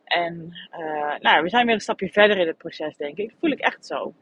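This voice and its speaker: Husky woman in a candid podcast monologue. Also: fairly low pitch, animated, moderate pace, fairly bright tone. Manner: candid, searching, thinks aloud. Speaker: podcast host. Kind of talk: personal reflective monologue. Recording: dull lo-fi recording.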